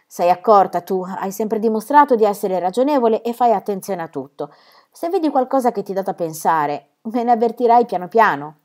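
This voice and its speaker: A woman reading the part of a widowed peasant father who is soft-hearted and gentle, in her own lively voice. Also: medium pitch, fairly quick, close to an everyday voice.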